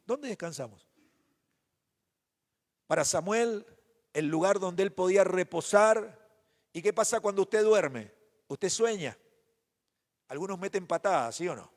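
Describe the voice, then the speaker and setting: Man, pastor preaching, high voice, rhetorical questions, long church-hall reverb. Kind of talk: sermon.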